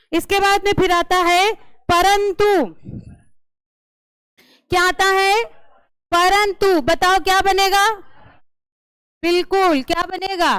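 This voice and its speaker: A woman's voice: very high voice, fairly bright tone, dry recording. A woman teacher taking a class through a grammar lesson, asking questions and repeating the answers. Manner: slow, drilling questions and answers.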